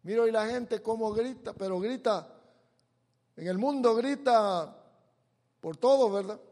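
A man preaching a sermon, swinging from quiet asides to loud, forceful declarations. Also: high-pitched, unhurried, big-room sound. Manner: dramatic swings from soft to shouted.

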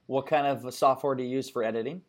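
A man's voice: medium pitch, steady tone, fast talker. A man hosting a podcast, asking short, direct questions and giving brief encouraging replies. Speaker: podcast host. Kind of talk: casual podcast interview.

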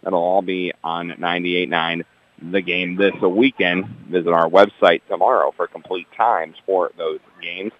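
A man with a very low voice delivers local radio sports commentary in a steady, dense announcer style. His voice has a radio broadcast sound, dull and lo-fi. He reads scores and station promotions at an even clip. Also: measured pace.

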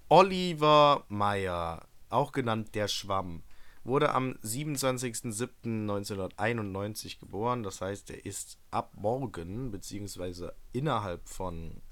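A hoarse man in his twenties co-hosting a podcast, rambling in casual chat and laughing often. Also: on the low side, lively intonation, unhurried, fairly bright tone. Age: 20s. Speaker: podcast co-host; university student.

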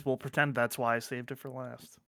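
A man's voice: medium pitch, little pitch movement, a little fast, pushed and bright, no echo. A man hosting a podcast in casual chat, rambling with lots of fillers, restarts and offhand swearing. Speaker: podcast host.

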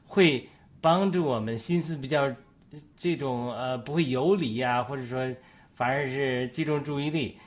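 Preacherly male talk show host. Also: medium pitch. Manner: explains at length, citing scripture like a preacher.

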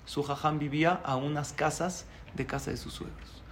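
A male rabbi, telling a story in a sermon, animated and chuckling, asking the audience questions. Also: fairly high pitch, normal speed, a little hiss or hum.

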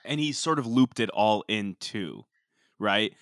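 A man's voice: lowish voice, animated, measured pace, fairly bright tone, dry recording, clean studio sound. A man co-hosting a podcast in casual conversation, steering the chat with questions. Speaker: podcast co-host.

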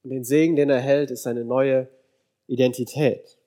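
A man preaching a sermon, repeating phrases for emphasis and dropping low and soft when he quotes biblical figures. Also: fairly even intonation, moderate pace. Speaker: pastor.

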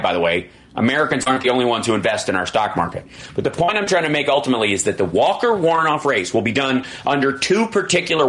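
A middle-aged man hosts a political talk radio show, holding forth in a steady mid-range voice. He talks emphatically and makes jokes as he riffs, in a loose conversational flow. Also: mid-range voice. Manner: emphatic, riffing, jokey.

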